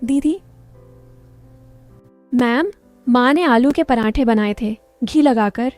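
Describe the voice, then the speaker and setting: Taking it slowly, a female storyteller gives voice to a bashful, hesitant young man whose speech is slightly high for a man. The delivery is soft and mellow, with faint music playing underneath.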